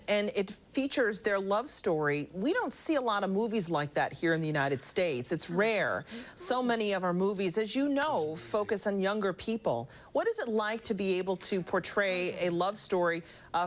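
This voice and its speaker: A woman interviewing a guest in a conversational, admiring and effusive way, often feeling for her phrasing. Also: medium pitch.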